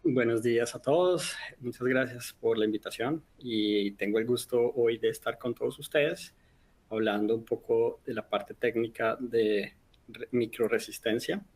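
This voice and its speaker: A man's voice: mid-range voice, fairly even intonation, measured pace, a little mellow, breathy edge. A man from Colombia, giving a technical webinar lecture in an explanatory way, lifting his voice on questions. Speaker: technical presenter.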